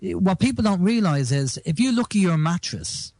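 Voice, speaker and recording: Man from Ireland, radio guest, fairly high voice, dry sound, storytelling chat. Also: animated, normal speed, a little mellow, no echo. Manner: storytelling, explanatory.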